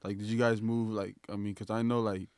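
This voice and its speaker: A man's voice: lowish voice, little pitch movement, a little mellow, clear, resonant tone, dry recording. A young man hosting a podcast, chatting loosely and joking with his guest in a casual interview. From raised in a refugee camp. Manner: loose, chatty, quick to joke. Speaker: podcast host.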